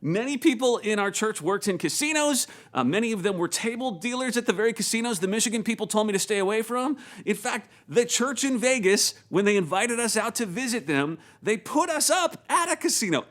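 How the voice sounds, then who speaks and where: A male pastor delivering a sermon in a storytelling way, often doubling up his words. His voice sits high. The pitch bounces around a lot. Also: a little fast. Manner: animated storytelling, repeats words.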